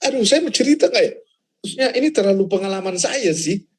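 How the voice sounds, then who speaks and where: A male pastor tells a personal story in an easygoing, conversational way, his voice sitting a little high. His pitch swings widely as he talks, rising and dropping with each turn. He often doubles or triples words to press a point home. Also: quick pace. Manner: animated storytelling, mixes laughter into the telling; repeats words for emphasis. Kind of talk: casual testimony in a church talk.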